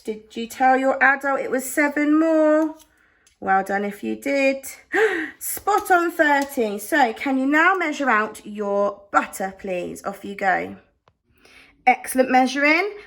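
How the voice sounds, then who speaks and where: A woman's voice: on the high side, a bit bright. A woman speaking as a primary school teacher, giving step-by-step cooking instructions to young children in simple, encouraging language with exaggerated emphasis.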